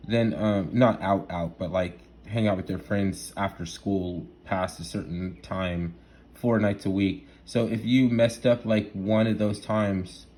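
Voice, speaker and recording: A man with a deep, low voice talks in a loose, excitable ramble. He restarts his sentences, stacks up fillers and keeps checking in with "right?". A faint noise sits under the recording. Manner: loose, excitable, laughs at himself. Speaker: solo vlogger. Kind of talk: rambling casual monologue.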